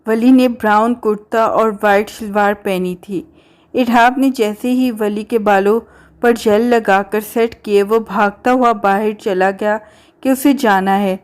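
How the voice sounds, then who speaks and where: A woman narrating a romance novel in a steady, even storytelling manner. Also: medium pitch, clear, resonant tone.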